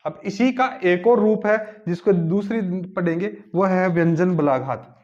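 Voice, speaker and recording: A man's voice: high-pitched, a little mellow, lo-fi sound. Man teaching grammar step by step. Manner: asks the class rhetorical questions then answers; spells words out slowly, part by part. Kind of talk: online grammar lesson.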